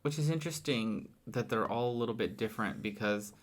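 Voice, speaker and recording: A man's voice: lowish voice, fairly quick. A tired man talks loosely in casual chat. He rambles, restarts his sentences and trails off as he thinks aloud, like a podcast co-host late at night.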